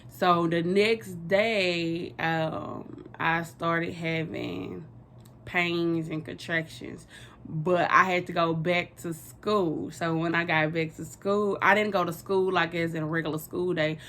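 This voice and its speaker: A woman's voice: lowish voice, steady tone, takes it slowly, fairly bright tone, slight background noise. A young woman, telling a personal story in a rambling, casual way with lots of fillers.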